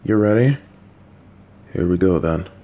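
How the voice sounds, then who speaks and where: A voice actor with a low, dark-toned voice speaks animatedly at a measured pace. In an audio roleplay addressed to the listener, he takes the role of a calm, coaxing middle-aged father, patient, supportive and slightly clueless, who reassures his child and makes jokey asides.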